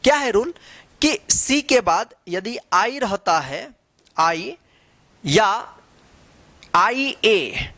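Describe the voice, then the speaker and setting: A woman's voice: mid-range voice, animated, extremely slow, long pauses, fairly bright tone, dry recording. A woman teaching a phonics lesson, spelling out letters one by one and then reading the word. She repeats each word and asks rhetorical questions as she goes. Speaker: English teacher.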